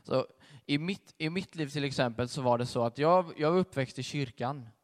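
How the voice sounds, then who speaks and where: A young man giving a sermon with a personal testimony, telling his story in a conversational, animated way. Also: mid-range voice. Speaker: preacher. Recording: long hall reverb.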